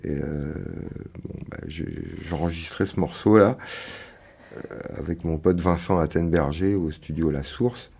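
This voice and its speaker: Radio guest: deep-voiced man from Canada, halting, lots of ums, tails off quietly. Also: husky. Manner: hesitant, many fillers, trails off softly. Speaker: guest singer-songwriter. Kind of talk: casual radio interview.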